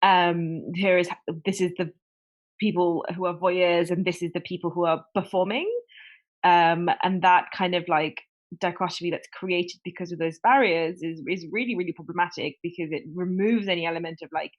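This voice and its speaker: Woman on a video call, kinda low voice, lots of likes and ums, earnest activist vibe. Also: steady tone, normal speed, highs cut off. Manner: earnest, filler-heavy activist talk. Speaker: panel guest. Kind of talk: livestream discussion.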